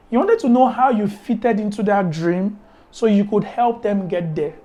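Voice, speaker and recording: Marriage podcast host, mid-pitched, preachy and emphatic, heavy on repetition and rhetorical questions. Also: mellow. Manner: emphatic, repeats key words. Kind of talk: faith-based marriage advice talk.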